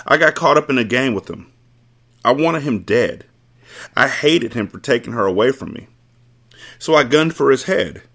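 A man's voice: medium pitch, fairly bright tone. A man voicing a grieving adult woman who confesses a killing in an audiobook, with an emotional, pleading manner.

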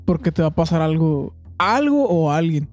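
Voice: mid-range voice, big pitch swings, moderate pace, a little mellow, no room sound, faint music behind. A speaker with a Mexican Spanish accent telling a camping anecdote in a hesitant, casual way. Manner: hesitant, many restarts and fillers.

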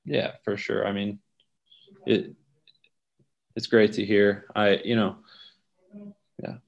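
A man's voice: lowish voice, level tone, takes it slowly, vocal fry, highs cut off. A man co-hosting a casual sports chat, on a slightly noisy recording. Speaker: co-host, coach.

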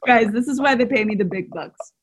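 A woman co-hosting a podcast in casual, animated chat, laughing often and throwing in quick asides. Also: a little high, slight background noise. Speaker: podcast co-host.

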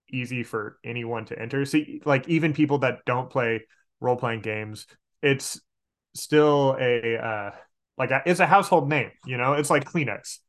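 On a podcast, a man speaks casually and enthusiastically as the interview guest, often repeating words as he finds his way. He's a tabletop game master and elementary teacher, with a mid-range, slightly bright voice.

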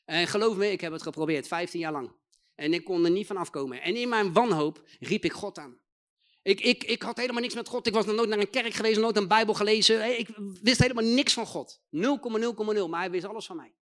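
A man preaching a testimony sermon in slangy, emphatic talk, repeating his phrases and building to loud proclaiming. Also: high-pitched, fast.

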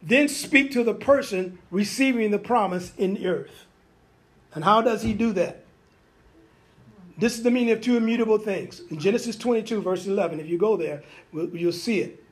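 A man's voice: high-pitched, moderate pace. A man preaching a sermon, peppering it with amens and hallelujahs, folksy asides and acted-out biblical dialogue. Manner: acts out biblical dialogue in changing voices.

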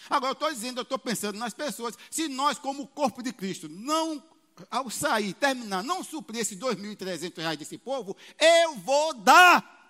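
High, animated preaching pastor in a reverberant hall. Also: male voice, a little fast. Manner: animated preaching with sudden loud peaks and quoted voices. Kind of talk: sermon. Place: church hall.

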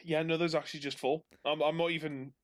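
A man with a Northumbrian accent co-hosting a podcast in casual banter, jokey, self-deprecating and quick to swear. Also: a little high, flat delivery. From Northumberland, England. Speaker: podcast co-host.

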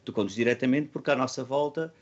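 A man with a European Portuguese accent speaks at a middle pitch in a casual interview. He is earnest and slangy, often doubling back on his words as he builds a thought. The recording is a little dull and lo-fi. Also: quick pace. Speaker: band musician being interviewed.

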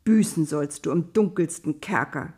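In this audio storybook, an angry and powerful master shouts threats and scolding, as a woman reading puts him on. The voice sits fairly low and is pushed loud and harsh. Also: moderate pace, slightly rough. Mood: furious. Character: furious powerful Egyptian master, grown man.

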